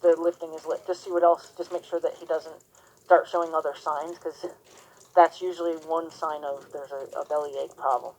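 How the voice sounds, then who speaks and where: A woman teaching horsemanship, talking softly and soothingly to a horse while coaching a student. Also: low voice, flat delivery, normal speed, slight background noise, poor audio. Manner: soothing and gentle. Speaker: horsemanship instructor. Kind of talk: hands-on coaching lesson.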